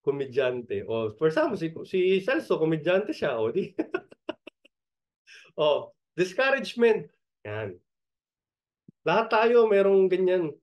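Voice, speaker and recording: A man with a Filipino accent giving a motivational online training as a business coach, energetic, laughing often and repeating key points. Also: sits high, a little slow.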